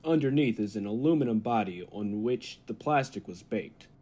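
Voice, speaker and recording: In an old-time radio play, a man plays a confident, eager and unflinching laboratory scientist who explains things dramatically in an earnest, ominous mood. His voice is lowish and warm, with lively intonation at normal speed.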